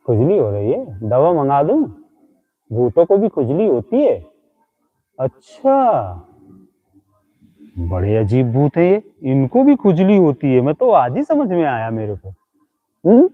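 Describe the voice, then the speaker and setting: A man's voice: a little high, very animated, normal speed. A man hosting a comic live stream, mockingly scolding and insulting imaginary ghosts with teasing jabs. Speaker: live-stream comedy host. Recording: tinny phone-like audio.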